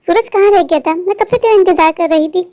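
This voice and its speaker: A woman's voice: extremely high pitch, fast talker, warm tone. A woman voicing a bossy, greedy middle-aged mother-in-law in a cartoon, who scolds and then turns sugary and grasping. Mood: angry. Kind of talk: cartoon voice acting.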